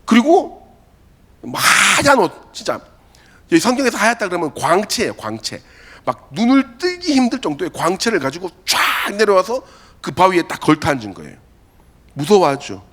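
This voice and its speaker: A male pastor delivers a youth sermon in a lively, storytelling way, often slipping into the voices of the people he quotes. His pitch sits a little high for a man. It swings widely from phrase to phrase. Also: normal speed. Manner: animated storytelling, acts out quotes. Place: church worship hall.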